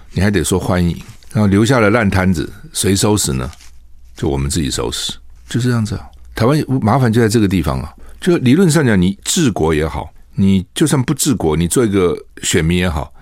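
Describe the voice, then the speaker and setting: A man's voice: fairly low pitch, darkish tone, dry recording, clean studio sound. An older man from Taiwan hosting a radio talk show, giving casual political commentary with emphatic rhetorical questions. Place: radio studio. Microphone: studio microphone.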